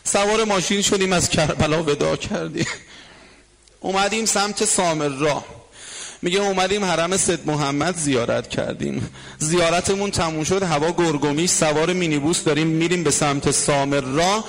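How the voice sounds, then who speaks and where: Male preacher, high voice, dramatic storyteller given to hushed asides and sung phrases. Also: gravelly. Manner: dramatic storyteller, drops to hushed tones and half-sung lines. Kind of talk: emotional religious storytelling sermon.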